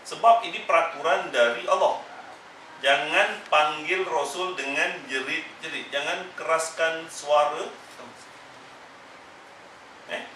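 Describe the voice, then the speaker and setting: A man gives a religious lesson, pressing the same warnings again and again with emphasis. His voice is bright and sits fairly high. It is picked up from a distance in a roomy, echoing space with a faint hiss behind it. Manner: emphatic, repetitive admonishing. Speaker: religious teacher. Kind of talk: Quran exegesis class. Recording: echoey room, mic far off.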